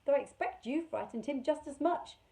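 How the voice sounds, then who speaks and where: A woman reading aloud and voicing a calm, serious, bookish boy who speaks gently but sternly. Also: high voice, a little fast, pitched above the performer's own voice, poor audio.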